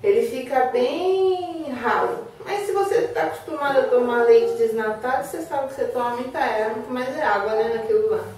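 A woman's voice: a little high, normal speed, few pauses, darkish tone, a little hiss or hum. Chatty woman demonstrating a recipe, echoey kitchen. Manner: chatty, talks to viewers and gives her helper asides. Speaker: cooking show host. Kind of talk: casual cooking demonstration. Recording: echoey room, mic far off.

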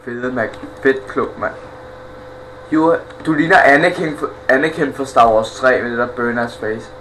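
A man's voice: mid-range voice, rough recording. Man, gaming commentary, crude taunts, rowdy joking, faint hiss behind. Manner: loud, crude, taunts enemies. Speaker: gaming YouTuber. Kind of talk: let's play commentary.

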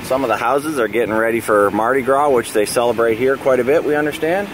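A man's voice: medium pitch, fast talker. A middle-aged man chatting upbeat to a handheld camera, touring a town on foot and by car as an RV travel vlogger. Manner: upbeat, chatty, talks straight to the camera while walking and driving. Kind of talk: casual travel vlog narration. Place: outdoors in a town and inside a car. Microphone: handheld camera, arm's length. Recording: noisy outdoor and car ambience.

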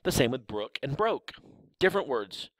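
A man's voice: mid-range voice, sing-song, moderate pace, a bit bright, no echo, low-quality recording. A man from the American South giving a linguistics lecture, explaining patiently and drawing out example words.

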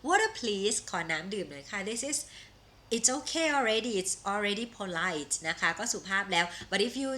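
A Thai woman with a bright, clear voice runs a live-streamed English lesson. She speaks with a Thai accent and sounds out each English phrase slowly and deliberately, as if for learners to repeat. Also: medium pitch, very animated. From Thailand. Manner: slow, carefully modelled English phrases between quick Thai explanations. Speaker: English teacher.

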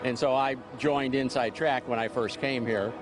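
A man in his seventies from central New York, answering interview questions in a plain, steady way, into a handheld mic in a shopping mall. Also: mid-range voice, moderate pace. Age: 70s. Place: large indoor shopping mall. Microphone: reporter's handheld mic. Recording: music in background.

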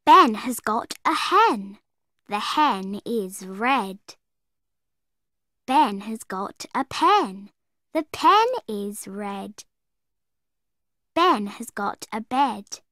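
Very slow woman reading phonics sentences. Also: medium pitch, animated, sharp tone, no room sound, studio quality. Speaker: phonics reader. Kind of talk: scripted reading of simple sentences for children.

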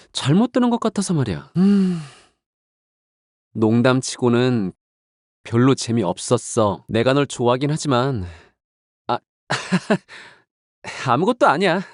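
A man voicing a suave, flattering young game racer. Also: mid-range voice, no echo, clean studio sound, close to an everyday voice. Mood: cool displeasure.

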